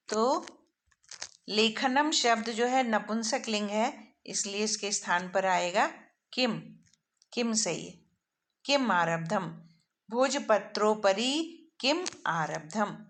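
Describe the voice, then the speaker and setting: A woman's voice: on the high side, a bit bright. A woman teacher, explaining a school worksheet to children and stretching out each word as she spells it.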